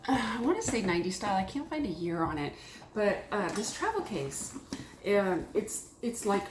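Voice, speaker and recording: A woman chatting casually about her thrift finds, rambling and excitable with lots of fillers, at a table at home. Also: medium pitch, normal speed, reverberant, background noise. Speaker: thrift haul vlogger. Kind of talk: casual chat. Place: small home room at a table.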